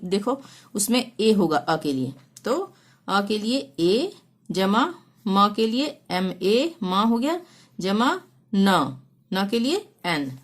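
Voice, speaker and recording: Woman teacher, slow and patient, spells out letters one by one. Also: mid-range voice. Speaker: Hindi teacher. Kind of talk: spelling lesson on a whiteboard.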